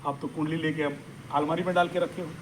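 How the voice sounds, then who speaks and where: High-voiced, animated male astrology teacher. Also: fast, a little hiss or hum, poor audio. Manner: animated, emphatic, mixes English phrases into speech. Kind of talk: live workshop lecture.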